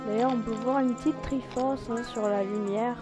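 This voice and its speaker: A woman with a hoarse, strained throat, hosting a casual let's play in informal, youthful slang. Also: on the high side, fairly even intonation, moderate pace, music in the background. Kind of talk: casual game commentary, reading dialogue aloud.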